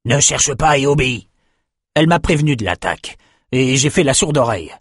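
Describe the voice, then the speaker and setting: A man's voice: mid-range voice, animated, fairly quick, breathy edge, dry recording, clean studio sound, voice pushed up. A man doing a stern older sea captain. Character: stern older man, fleet captain's future father-in-law.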